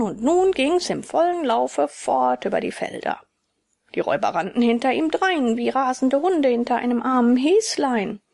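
Husky woman narrating a storybook. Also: a little high, no room sound. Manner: expressive, often soft and hushed.

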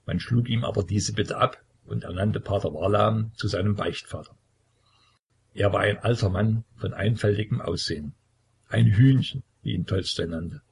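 A man reading a historical novel aloud as an audiobook narrator, measured and solemn, with a husky, creaky voice. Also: lowish voice, darkish tone, slight background noise.

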